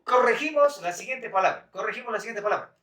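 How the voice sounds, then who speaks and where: A man's voice: very high-pitched, expressive, quick pace, bright, forceful tone, roomy sound, far from the mic. A man teaching a live-stream language lesson in a chatty, laughing way, reading viewer comments aloud. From Bolivia. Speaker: Quechua teacher.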